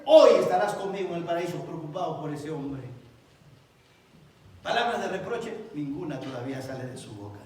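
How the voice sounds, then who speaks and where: A male pastor preaching a sermon with passion, swinging between loud cries and hushed lines. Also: high voice. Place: church sanctuary. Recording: echoey church sound from a distance.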